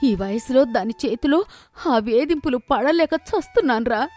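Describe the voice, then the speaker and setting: A woman voicing a quarrelsome, self-pitying old village mother-in-law in a cartoon, scolding loudly. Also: high-pitched, lively intonation, moderate pace, soft background music. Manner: loud, scolding, complaining. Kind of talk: cartoon voice acting.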